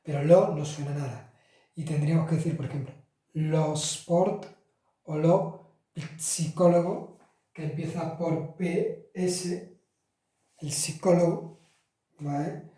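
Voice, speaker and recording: A man's voice: a little high, fairly even intonation, slow pace, long pauses, mellow. A man teaching Italian articles to Spanish speakers in a chatty classroom style, with fillers and self-corrections. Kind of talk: casual classroom explanation. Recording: roomy echo, from far off the mic.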